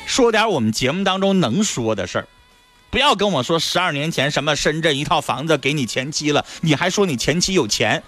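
A man's voice: fairly high pitch, expressive, brisk, fairly bright tone, soft background music. A man hosting a call-in radio show, bluntly lecturing callers. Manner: scolding, lecturing. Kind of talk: blunt advice radio talk. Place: radio studio. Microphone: studio mic.

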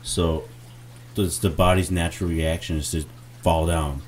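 A man co-hosting a podcast, chatting and explaining things in a relaxed, rambling way. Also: low-pitched, measured pace, slight background noise. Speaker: podcast co-host. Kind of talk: casual chat.

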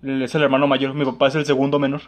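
Fast-talking young Mexican man. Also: medium pitch, monotone. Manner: slangy storytelling, heavy on fillers. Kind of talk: casual chat.

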